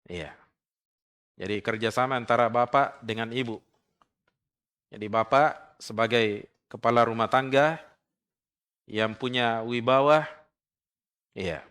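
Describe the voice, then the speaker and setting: A male preacher giving a measured religious study lecture, punctuating his points with affirming tags. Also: medium pitch, fairly bright tone, smooth. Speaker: Islamic preacher. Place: prayer room.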